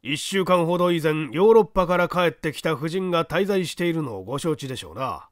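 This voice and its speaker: A man voicing a sly phantom thief who speaks in a hoarse old man's voice, mockingly polite and unhurried. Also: fairly high pitch, animated, no room sound, studio quality, close to an everyday voice. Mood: mocking politeness. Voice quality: hoarse, gravelly. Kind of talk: audiobook character voice.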